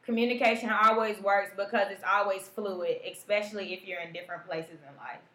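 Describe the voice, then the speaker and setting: A woman's voice: medium pitch, steady tone, fairly quick, bright, forceful tone, reverberant. A woman co-hosting a casual live-stream talk show, blunt and slangy, reading out viewer comments. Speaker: co-host.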